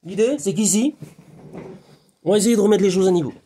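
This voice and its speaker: A man, a hypnotherapist vlogger from France, talking to camera from his garden in a rambling, animated monologue that repeats itself and speaks to the viewer as a close friend. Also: high voice, fairly quick, background noise.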